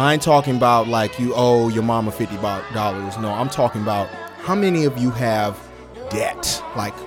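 A man hosting a solo podcast, talking casually and colloquially, straight to his listeners. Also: mid-range voice. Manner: colloquial, addresses listeners directly. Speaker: podcast host.

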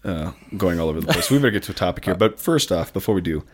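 Groggy, low-voiced young American man. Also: lively intonation, racing, breathy edge. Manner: rambling, hesitant, joking. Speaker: podcast host, priest. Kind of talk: casual podcast chat.

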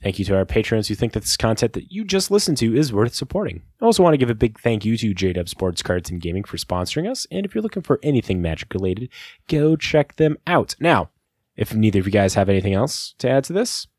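A man's voice: fairly low pitch, fast talker, slightly rough, dry recording, clean studio sound. A man hosting a casual podcast chat, wrapping up the episode and thanking listeners and sponsors. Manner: relaxed, wraps up the show with sponsor thanks. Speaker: podcast host.

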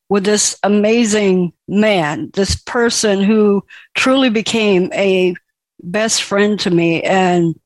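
A woman recounts her own life story in a slow, unhurried way, pausing often and stopping to restart her thoughts. Her voice sits at an ordinary middle pitch and carries emotion without turning theatrical. The recording is dry and close, with no room sound around her. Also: no room sound. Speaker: speaker sharing a personal story. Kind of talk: personal testimony.

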